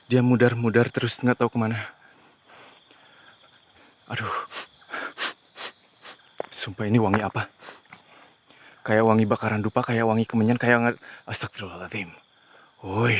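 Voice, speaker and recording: A man hosting a ghost-hunting vlog outdoors at night, talking to viewers in a tense, hushed way as he explores. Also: medium pitch. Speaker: paranormal investigator host.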